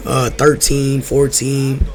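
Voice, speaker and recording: Completely flat and slow, his mid-range voice delivers personal stories as the host. He's a young adult American talking like a laid-back stoner, slangy and profane, and he rambles, repeats phrases, and drifts off course.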